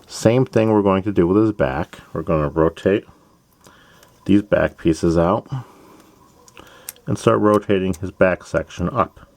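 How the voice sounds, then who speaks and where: Low and gravelly with a touch of mellowness, this man's voice moves at a measured pace with long pauses. He hosts a toy-building channel, walking through each build step in a plain, chatty way and tossing in playful asides.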